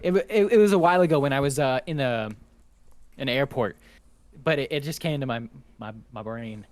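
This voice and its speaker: A man's voice: medium pitch, brisk, a little mellow, no echo. A man co-hosting a podcast in casual chat, who laughs often and swears casually. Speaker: podcast co-host.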